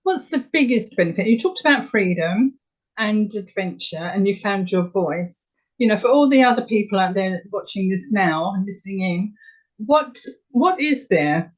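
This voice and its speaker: A woman's voice: medium pitch, animated, normal speed, rough recording. A woman interviewer who asks searching questions hesitantly, often repeating words as she finds them. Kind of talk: conversational interview.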